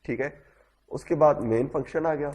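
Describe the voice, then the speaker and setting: A man's voice: on the high side, darkish tone. A man teaching a programming class, explaining step by step and saying "okay" after nearly every phrase. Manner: repeats "theek hai" constantly, explains step by step. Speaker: programming instructor. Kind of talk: classroom coding lecture.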